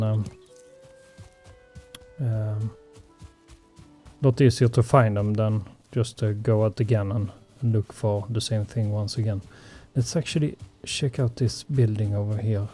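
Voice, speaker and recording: With a lowish, warm voice, a Swedish-born gaming channel host talks over his survival gameplay. His commentary is slow and hesitant, packed with ums and uhs.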